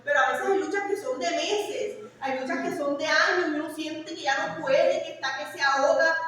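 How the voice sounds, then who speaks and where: A woman's voice: high voice, moderate pace, fairly bright tone, slight background noise. A woman pastor preaching a sermon, fervent and emphatic, with chatty asides to her congregation. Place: church hall. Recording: echoey church hall, mic far off.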